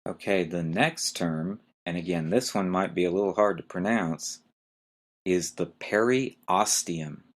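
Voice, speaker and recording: A man's voice: low-pitched, moderate pace. A man hosting a medical terminology podcast, spelling each term letter by letter and pointing out where the stress falls. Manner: spells words letter by letter and stresses syllables carefully. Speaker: podcast host teaching medical terms. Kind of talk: slow spelled-out lesson.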